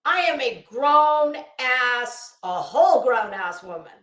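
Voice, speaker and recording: A woman with a high, sing-song, slightly bright voice speaks slowly as host of a live commentary channel. She rants casually and bluntly to her viewers, swearing, emphatic, and often restarting her phrases. The sound is echoey and roomy.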